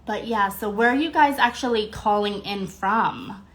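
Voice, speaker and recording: A young woman hosts a live podcast stream in a mid-range, slightly bright voice, speaking a little slowly. She sounds congested and a bit nasal, and she's bubbly, greeting viewers by name between filler words in casual chat.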